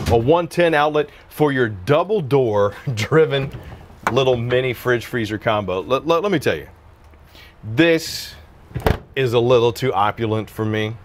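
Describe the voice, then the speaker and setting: With background noise around him, a medium-pitched man in his forties presents an RV at an outdoor sales lot. Talking into a lapel mic, he gives a walkaround review in a breezy, upbeat salesman manner.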